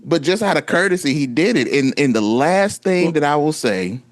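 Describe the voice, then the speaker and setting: A man in his thirties co-hosting a podcast, telling a story in a lively, casual way and acting out what people said. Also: a little high, moderate pace, no room sound. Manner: animated storytelling, acts out quotes. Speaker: podcast co-host. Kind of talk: casual chat.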